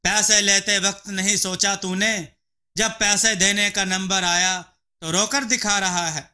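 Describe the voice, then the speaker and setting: A man's voice: sits high, flat delivery, a little slow, pushed and bright, full character voice. A man voicing an arrogant, harsh rich landlord who scolds and sneers at those beneath him. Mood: scornful. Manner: scolding, contemptuous.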